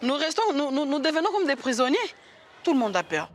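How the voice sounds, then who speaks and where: A woman judge speaking in an interview, halting and repeating words as she explains. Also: sits high, sing-song, background noise.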